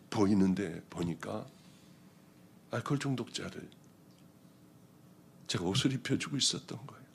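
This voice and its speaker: Man, pastor, testimony sermon, husky, lively pitch, acted-out quotes. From South Korea.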